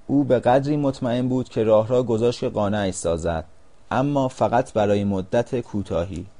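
A man narrating a storybook in a calm, measured reading voice. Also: lowish voice.

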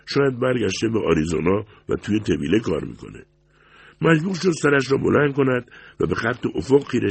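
Deep gravelly guy narrating an audiobook, dead dry mic. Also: no room sound. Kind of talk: story narration.

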